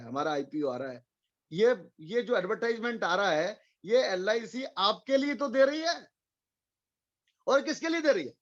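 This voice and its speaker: Male motivational speaker, high voice, rhetorical and repetitive, webinar audio a bit muffled. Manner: rhetorical questions, repeats phrases for emphasis. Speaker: motivational speaker for insurance agents.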